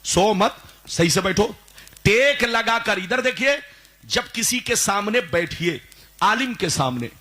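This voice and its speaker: A male Islamic preacher giving a sermon at a live religious gathering. He keeps calling on the crowd to answer loudly and slips into a sung chant on some phrases. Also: sits high, lively intonation, slow pace.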